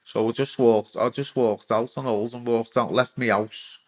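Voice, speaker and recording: A middle-aged man with a Liverpool accent, a former footballer telling his own story bluntly in an interview, with heavy swearing and halting restarts. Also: medium pitch, steady tone. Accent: Liverpool Scouse. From England. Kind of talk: candid personal storytelling.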